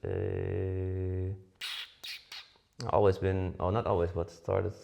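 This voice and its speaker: A man in his forties from the Netherlands talks casually as a podcast co-host. His voice sits fairly low with a gravelly fry. He hesitates often, filling gaps with "uh" and starting sentences over. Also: monotone, slow pace, warm tone, slight background noise. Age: 40s. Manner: hesitant, many fillers and restarts. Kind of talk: casual chat.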